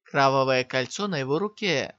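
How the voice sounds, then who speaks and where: A man's voice: medium pitch, lively intonation, moderate pace, a bit bright, no room sound. Man narrating a fantasy audiobook. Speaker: audiobook reader. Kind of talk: scripted narration. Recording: dry, slightly dull sound.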